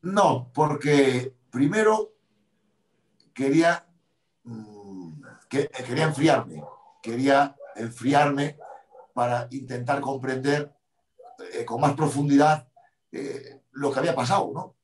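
A man's voice: mid-range voice, takes it slowly, pauses often. A man, a rally driver, telling a story in an interview, acting out both sides of a quarrel. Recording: roomy sound from a distant mic.

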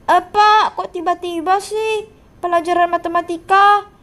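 A woman's voice: very high voice, steady tone, a little slow, fairly bright tone. A woman voicing a teased, lonely monster schoolkid with a whiny, plaintive way of talking in a game role-play. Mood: pleading.

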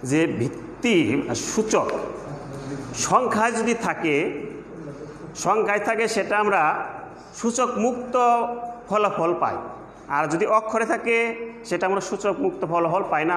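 A man's voice: high-pitched, normal speed, pauses often, fairly bright tone, a little hiss or hum. A Bangladeshi man with a Bengali accent teaching a classroom math lesson, asking questions and then answering them himself. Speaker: assistant teacher. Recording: echoey room with long reverb.

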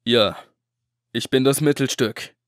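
A man's voice: medium pitch, measured pace, no echo, natural voice. Guy doing a smug creepy middleman, bossy and clipped, dry close sound. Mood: calm. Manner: clipped, commanding, coolly threatening. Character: cold scheming male middleman, smug and menacing. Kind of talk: audiobook drama acting.

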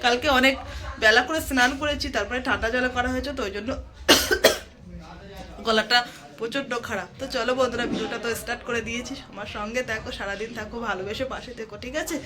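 A hoarse woman with a cold, chatting directly with viewers in a casual daily vlog recorded around her home. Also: fairly high pitch, fast, a crowd in the background. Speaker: vlogger. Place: at home, kitchen and rooftop. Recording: home recording with clear background noise.

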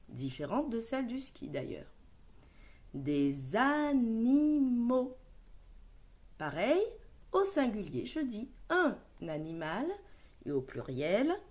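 A woman teacher with a French accent leading a reading lesson for young children, sounding out words and syllables slowly and clearly. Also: medium pitch, a little mellow. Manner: slow, clear syllable-by-syllable modeling. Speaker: primary school teacher.

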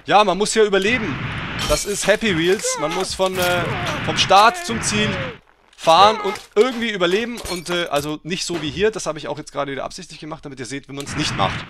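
A man giving let's play game commentary, excitable and teasing, who swears and bursts into loud yells. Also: high-pitched, a little fast, noisy background. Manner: mocking, teasing banter.

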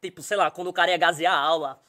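Animated man telling a story. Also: a little high, very fast. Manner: animated, acts out quoted voices, laughs while telling. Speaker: podcast guest, comedian. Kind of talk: casual storytelling.

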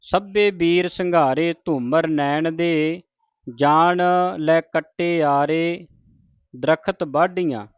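A man teaching scripture pronunciation, reciting verses in a measured, deliberate way and adding short explanations. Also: a little high, clear, resonant tone, dry recording, muffled recording. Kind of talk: slow scripture recitation lesson.

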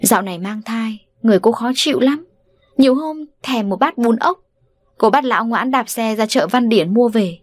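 A woman tells a novel aloud in a dramatic, expressive way. Her voice sits fairly high, and the recording is close and dry. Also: normal speed, dry recording. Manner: dramatic, animated delivery of voices. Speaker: audiobook narrator. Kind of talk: expressive storytelling narration.

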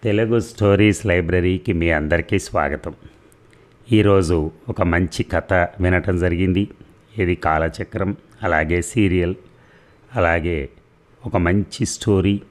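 A man hosting his own channel, reading a comic story aloud in a conversational way, with small slips and self-corrections. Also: sits low.

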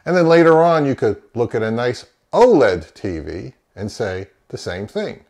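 An American man in his fifties, an audio reviewer and host, delivers a semi-scripted product review to camera from a small home office. His medium-pitched voice swings in lively fashion at a normal pace, and he is emphatic and opinionated, asking rhetorical questions and answering them himself.

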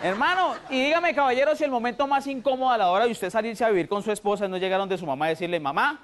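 A man with a Colombian accent doing a loud, rowdy stand-up routine and acting out the people in his jokes. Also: high-pitched, expressive, racing, noisy background. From Huila, Colombia. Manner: loud, rowdy, acts out quoted voices. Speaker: stand-up comedian. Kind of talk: stand-up routine on TV comedy show.

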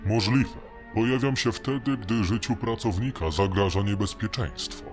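A man voicing a towering security robot in a rough, metallic robot voice, speaking in flat, formal machine statements. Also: lowish voice, moderate pace, soft background music. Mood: cold, formal. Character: towering male security robot, cold and dutiful. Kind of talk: audiobook narration.

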